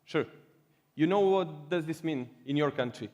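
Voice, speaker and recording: A Serbian-accented man speaks to a conference audience with a playful, joking manner. His voice sits a little high for a man. It rings with the long reverb of a large hall. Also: normal speed, darkish tone. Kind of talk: humorous presentation.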